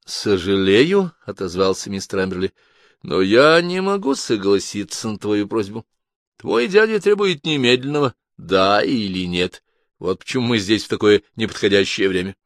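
A man reading an audiobook, voicing a calm older male lawyer who speaks politely and persuasively. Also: lowish voice, normal speed, no echo, clean studio sound. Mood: firm. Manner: calm, courteous.

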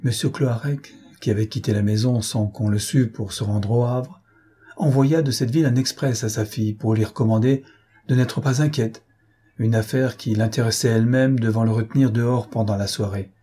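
A man's voice: mid-range voice, steady tone, moderate pace, dark tone, husky, lightly acted. A man voicing an anxious, tender elderly aunt and governess, pleading and soothing by turns, in an audiobook. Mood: solemn.

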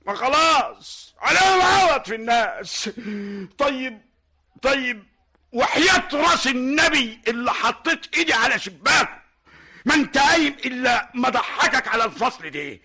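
A blustering Egyptian hajj. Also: male voice, very high-pitched, expressive, slightly rough, heavily acted. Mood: offended blustering. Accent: Egyptian Arabic. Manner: loud, blustering, quick to take offence. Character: blustering older male hajj, proud touchy host. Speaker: radio drama actor. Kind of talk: 1960s Egyptian radio drama acting.

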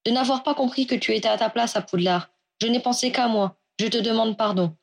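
An earnest young male wizard speaks with polite sincerity, read by a woman narrator. His voice sits a little higher than her narration. It is a plain storybook voice. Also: fairly quick, vocal fry. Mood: apologetic. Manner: polite and apologetic, then heated. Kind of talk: audiobook reading of fan fiction.

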